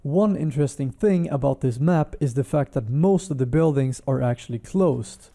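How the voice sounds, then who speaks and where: Tired-sounding man with a dark voice. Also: mid-range voice, vocal fry. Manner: calm, measured game analysis. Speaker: gaming content creator. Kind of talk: game commentary voice-over. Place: hotel room.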